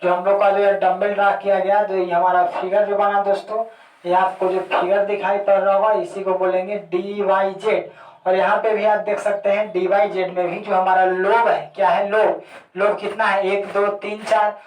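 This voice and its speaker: A man lectures on chemistry at a steady, even pitch that hardly rises or falls. He keeps checking understanding by asking a term back and answering it himself. His voice sounds distant from the mic and carries a noticeable room echo. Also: moderate pace. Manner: repeats key terms as questions to students. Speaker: chemistry teacher. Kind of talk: classroom lecture.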